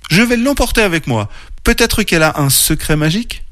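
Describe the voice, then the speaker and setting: A man voicing a cheerful, curious young female bear in a children's storybook, with bright, wonder-filled exclamations. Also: high voice, lively intonation, a little fast, dry recording, clean studio sound, pitched above the performer's own voice. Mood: amazed. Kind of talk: storybook character voice.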